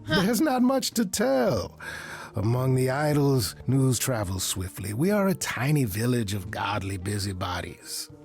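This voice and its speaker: An actor playing a suave, teasing immortal trickster god in a video game, with flowery, arch courtesy. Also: male voice, mid-range voice, sing-song, a little slow, faint music behind. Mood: theatrical, mischievous.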